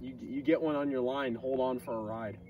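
A young man demonstrates his fishing method from a small boat on a lake, laying it out step by step in a laid-back, casual chat. He has a steady mid-range voice and speaks a little quickly, and the audio is lo-fi. The mic is slightly distant and catches faint outdoor noise.

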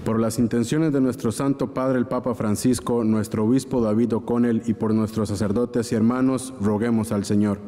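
A man reading the intercessions at mass in a steady, measured way, in cathedral echo. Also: mid-range voice. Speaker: lector. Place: large church. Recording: long echoing church reverb.

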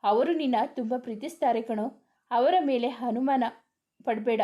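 A loyal young male friend from a spoken story, played by a woman reading. He sounds worried and urgent, then reassuring, in a fairly high voice. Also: moderate pace, muffled recording, lightly acted.

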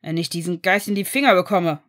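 A woman voicing a spiteful adult male dark wizard who speaks low and threatening in an audiobook reading. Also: normal speed, husky, no room sound, studio quality.

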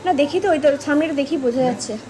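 High-voiced chatty woman vlogger. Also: fast, mellow. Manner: chatty, addresses viewers directly. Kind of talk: casual home vlog chat. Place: at home, indoors.

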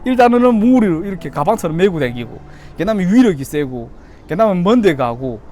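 A man's voice: high-pitched, sing-song, a little fast, dark tone, slight background noise. A man in his thirties from Yanbian, China, with a Chinese-Korean Yanbian accent, telling stories casually to camera as a YouTuber. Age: 30s. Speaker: YouTuber telling childhood memories.

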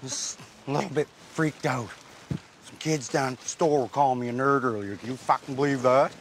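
A man's voice: medium pitch, steady tone, brisk, a little hiss or hum, lightly acted. An actor playing a nerdy, touchy man who talks in a sarcastic, defensive way. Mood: sulky.

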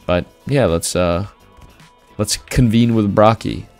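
A man's voice: fairly low pitch, takes it slowly, a little mellow, faint music behind. A young man hosting a gaming video, mixing casual chat with narration. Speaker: video creator, host.

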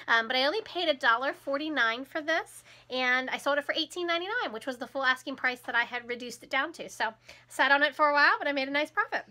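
This bright, high-pitched woman in her thirties is a resale vlogger who talks fast and forcefully, chatting cheerfully at home in a small room right up close to the camera. She's getting over a cold, so she sounds a little froggy and hoarse, and she laughs often.

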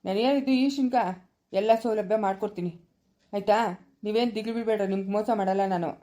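A woman's voice: medium pitch, fast, warm tone, lightly acted. A woman playing a firm, middle-aged male village elder in a rural family drama. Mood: soothing.

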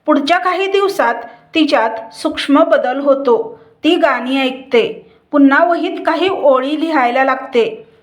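A woman telling a family story in a gentle, measured narration. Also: high-pitched.

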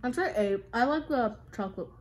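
A woman's voice: on the high side, lively intonation, a little fast. A woman giving short, plain verdicts in a casual family taste test, talking while eating. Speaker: taste tester.

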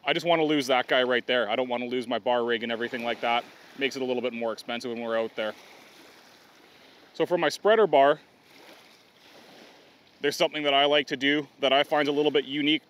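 A middle-aged man talks through a how-to tutorial outdoors by a river. His voice sits a little high, and his delivery is plain and practical, with the odd "um" and "uh". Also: fairly bright tone. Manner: plain, practical explaining with fillers. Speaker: fishing guide demonstrating gear.

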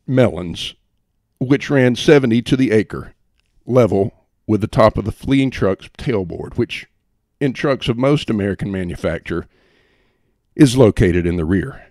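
A man's voice: on the low side, expressive, unhurried, pauses often, a little mellow, no echo, studio quality. A man reading a humorous first-person story aloud, with a wry, theatrical delivery. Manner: wry, theatrical delivery with playful voices for quotes. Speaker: audiobook narrator.

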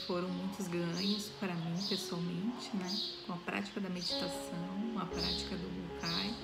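A woman in her forties giving a casual talk to the camera, unhurried, with pauses and frequent questioning tags. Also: lowish voice. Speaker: Reiki student giving a talk. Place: small room indoors.

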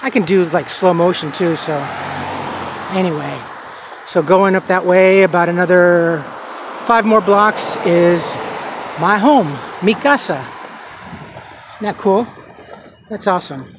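High-pitched and slow, with long pauses, a vlogger chats his way through a walking tour of his neighborhood, filming on a handheld camera and rambling with fillers. The recording is muffled, with passing traffic and street ambience from the residential street outside.

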